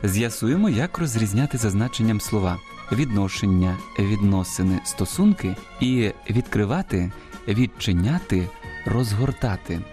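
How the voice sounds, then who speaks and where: Low-voiced man teaching word stress on radio. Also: expressive, darkish tone, soft background music. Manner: slow, deliberate pronunciation of example words. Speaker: radio language program host. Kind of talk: scripted radio talk on language.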